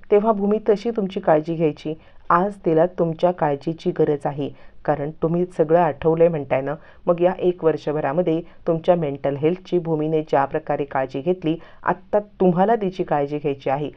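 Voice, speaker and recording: A woman's voice: deep voice, normal speed, highs cut off, close to an everyday voice. A woman voicing a patient counselor who earnestly explains to a husband how he should care for his wife.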